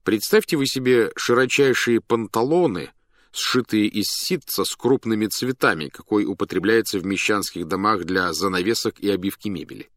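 A man reading a story aloud as narrator, in an animated, dramatic manner that speeds up and slows down. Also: on the low side, dry recording, clean studio sound.

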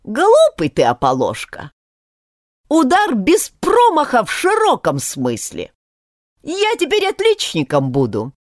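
A woman's voice: sits high, no room sound, studio quality, voice pushed up, full character voice. A woman doing a cocky slingshot boy. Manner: boastful, swaggering.

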